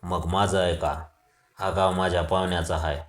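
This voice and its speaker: A man reading the lines of an adult village strongman under arrest, who shouts at first and then pleads. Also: deep voice, little pitch movement, moderate pace, roomy sound, natural voice. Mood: pleading.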